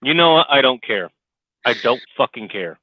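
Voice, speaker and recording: Over a tinny headset that gives him a CB-radio sound, a middle-aged man delivers a profane, sarcastic rant in a relaxed podcast conversation, cursing constantly and growing loud and fired up. His voice is medium-pitched with lively intonation and a normal pace. There's no room sound on this dry, low-fidelity line.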